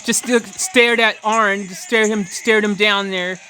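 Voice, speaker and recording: An American podcast host giving chatty, excitable live reaction commentary and talking straight to listeners. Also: medium pitch, measured pace, soft background music.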